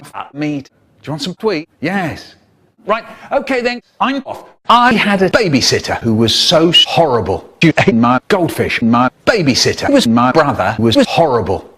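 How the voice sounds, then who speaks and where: A man telling a story, his speech spliced together from separate clips with jarring jumps between words. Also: slightly rough. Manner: jumpy, jarring shifts in pitch and loudness between words. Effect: spliced together word by word from clips.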